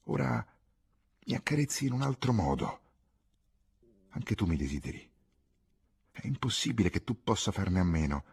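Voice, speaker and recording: A man reading the part of a cunning, evasive young woman in a soft, low, wheedling voice. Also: big pitch swings, normal speed, gravelly, long pauses, husky, exaggerated voice. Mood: coaxing.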